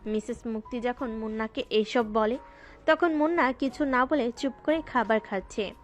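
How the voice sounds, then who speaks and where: A woman narrating a Bengali audio love story in a steady, conversational storytelling tone. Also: on the high side, normal speed. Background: faint background music.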